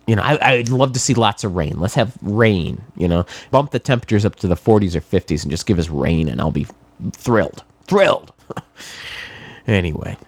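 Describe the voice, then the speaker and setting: A man's voice: low-pitched, expressive, brisk, slightly rough, dry recording. A middle-aged man from New England with a cold, talking casually and wryly sarcastic in a rambling monologue with many fillers. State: has a cold, congested.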